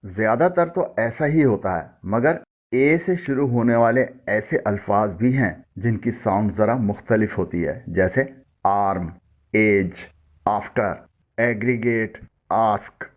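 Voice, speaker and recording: A man teaching English pronunciation, slowly listing words and giving their meanings. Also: fairly low pitch, lively intonation. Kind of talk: instructional word-list lesson. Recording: dull lo-fi audio.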